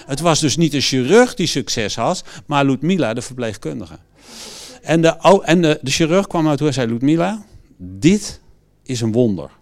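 A man's voice: on the high side, normal speed. A man preaching, telling vivid stories in a sermon, often restarting sentences as he goes. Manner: lively storyteller who acts out quotes. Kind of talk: storytelling sermon.

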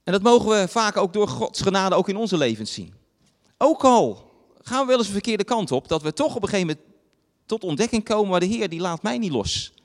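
Lively, high-voiced male preacher in a hall. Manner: dramatizes quoted voices, pausing with fillers. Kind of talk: sermon retelling a Bible story.

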